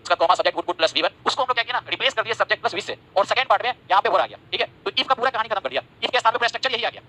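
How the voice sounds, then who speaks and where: Guy teaching english grammar online, super fast, high bright voice, keeps repeating himself and asking if u get it. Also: lively intonation, low-quality recording. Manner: repeats phrases, asks "samajh rahe ho" often; drops to a low, soft voice when apologizing. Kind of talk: live-streamed class, reading chat comments.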